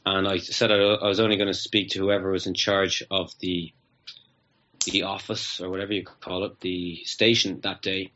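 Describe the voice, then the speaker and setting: A man, a guest telling a story in a casual, animated way, acting out both sides of each exchange. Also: sits low, moderate pace, slight background noise. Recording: muffled lo-fi audio.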